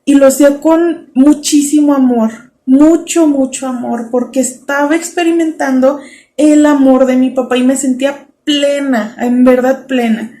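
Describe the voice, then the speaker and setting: Mexican woman in her thirties, high voice, earnest faith testimony told as a story. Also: fairly even intonation, normal speed, warm tone. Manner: earnest storytelling, acting out her own past words. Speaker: speaker sharing a testimony.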